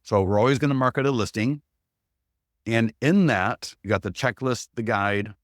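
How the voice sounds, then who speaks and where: A man's voice: medium pitch, moderate pace, dry recording, studio quality. A man presenting an instructional webinar, walking through steps as a checklist in an upbeat, practical way.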